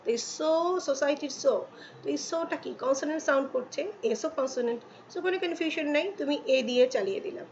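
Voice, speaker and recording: High-voiced woman teaching English grammar. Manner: slow, drawn-out reading of English examples; checks in with the listener often. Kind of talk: explaining articles to students in Bengali. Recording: dull lo-fi with faint ambient noise.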